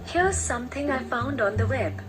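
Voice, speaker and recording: This is a synthetic woman's voice working as a virtual assistant, pitched a little high. She sounds polite and neutral, each word evenly articulated. Music is loud behind her. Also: expressive, normal speed. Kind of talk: synthetic assistant answering questions. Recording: music playing over the voice.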